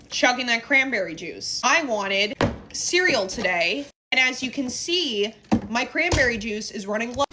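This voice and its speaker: A woman's voice: a little high, noisy background. A woman venting to camera, incredulous and swearing emphatically. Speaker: social media poster.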